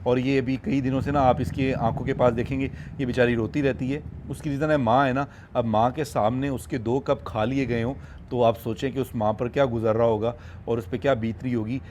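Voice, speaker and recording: A man's voice: medium pitch, fairly even intonation, fairly quick, darkish tone, slight background noise. Man, coaxing and sorrowful. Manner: soothing and coaxing the animals, sorrowful when talking to viewers. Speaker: wildlife farm owner and vlogger. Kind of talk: casual vlog talk to camera. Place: outdoor farm by animal cages.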